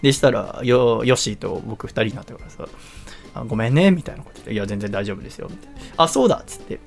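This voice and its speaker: Guy hosting radio, rambling story quick and bouncy, laughs a lot, bit of music under it. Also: fairly low pitch, gravelly. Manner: animated, laughs often while telling, acts out quoted lines. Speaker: radio show host. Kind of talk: casual storytelling monologue.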